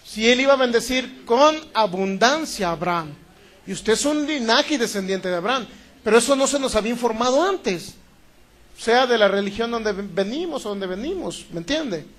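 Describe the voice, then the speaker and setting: A man from Sinaloa with a northern Mexican accent preaching a sermon, loud and emphatic, repeating key phrases and often asking the congregation whether they understand. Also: very high-pitched, animated, moderate pace. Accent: Sinaloan Mexican Spanish.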